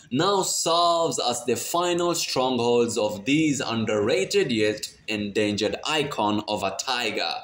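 A man reading scripted nature documentary narration in a dramatic way with a playful edge. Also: medium pitch. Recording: roomy voice-over, faint noise.

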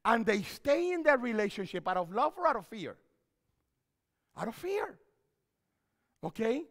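A middle-aged man, a pastor and counselor, gives an animated seminar talk from a church stage with a headset mic, often repeating his phrases. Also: very high voice, measured pace, long reverb tail. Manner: animated, repeats phrases, wide hand gestures while pacing.

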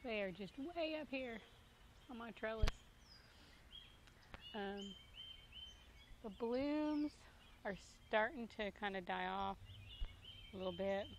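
This is a noisy outdoor phone recording of a thirtysomething woman, a gardening vlogger, walking through her backyard vegetable garden on a casual tour. Her voice sits a little high and is expressive; she takes it slowly, with many pauses, speaking into a handheld phone at arm's length.

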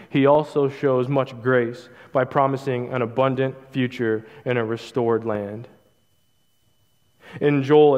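A young man preaching a sermon as pastor, in a measured, earnest delivery with emphatic repetition. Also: mid-range voice, a little mellow. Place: church stage, large hall. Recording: hall reverb, dull lo-fi sound.

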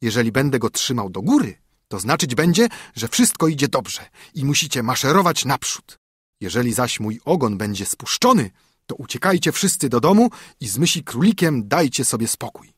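A man's voice: mid-range voice, very animated, moderate pace, slightly rough, no echo, studio quality. A man narrating an audiobook voices a sly, boastful male fox who lays out his plan smugly.

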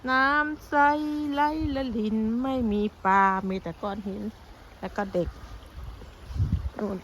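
A woman's voice: mid-range voice, slow, a bit bright, slight background noise. Chatty woman vlogging outdoors. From Thailand. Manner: chatty, keeps addressing viewers as friends while pointing things out. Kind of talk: casual walking vlog. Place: outdoors on a woodland path.

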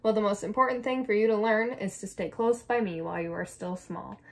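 A woman voicing a gentle, patient mother hen in a read-aloud storybook, speaking softly and calmly. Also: medium pitch, brisk, vocal fry, natural voice. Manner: soft, calm and reassuring.

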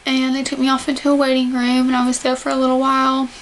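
A young woman chats to camera in a home recording with faint background noise. Her voice is high but stays flat in melody. She articulates carefully with limited jaw movement. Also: fast. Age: young adult. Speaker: vlogger describing surgery recovery. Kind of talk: casual talk to camera. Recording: noisy home camera audio.

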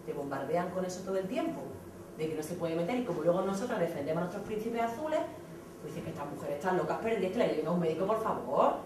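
A woman in her thirties with an accent from Spain, giving a blunt, animated theatrical monologue to students. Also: on the low side, fast talker, background noise. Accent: Spain Spanish. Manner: animated, blunt, acts out scenes. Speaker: speaker addressing students. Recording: echoey hall from far off.

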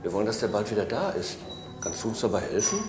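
A man in his sixties playing a police detective, talking gently and coaxingly to a child. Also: on the low side, big pitch swings, fast, music in the background. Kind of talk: scripted reality TV acting. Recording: echoey room with hiss.

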